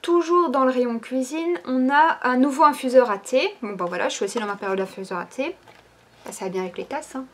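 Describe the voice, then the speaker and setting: A woman's voice: sits high, brisk. Chatty woman showing off shop products. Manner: chatty, many fillers like "ben" and "euh". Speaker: online shop owner presenting new products. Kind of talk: casual product presentation.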